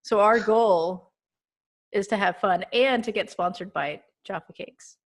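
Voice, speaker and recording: A woman's voice: medium pitch, measured pace. A woman from Texas hosting a casual podcast chat, chatty and giggly with many fillers. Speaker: podcast host.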